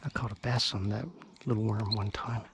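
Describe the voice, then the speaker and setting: A man's voice: on the low side, little pitch movement, normal speed, vocal fry, noisy background. A man chatting casually on a riverbank as he fishes, explaining what he does as he goes, picked up on a camera mic. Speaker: fishing vlogger. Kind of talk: casual narration while fishing. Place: outdoors on a riverbank at dawn. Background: faint birds and outdoor ambience.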